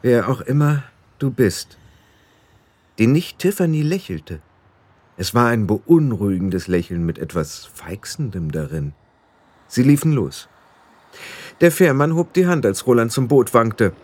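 A man narrating an audiobook in an expressive storytelling manner. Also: mid-range voice, measured pace, no echo.

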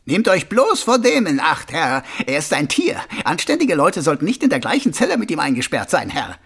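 A man voicing a servile, whining male prisoner who fawns and snitches, in a husky, gravelly voice. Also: a little high, huge pitch swings, normal speed, fairly bright tone, voice pushed up, exaggerated voice. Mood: fawning. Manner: servile, keeps calling others sir.

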